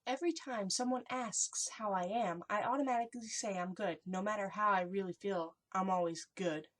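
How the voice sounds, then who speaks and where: A young adult woman vlogging in a hushed, whispery voice, chatting casually as she reads and reacts to short messages. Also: mid-range voice, normal speed. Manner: hushed, whispery delivery, as if sharing secrets.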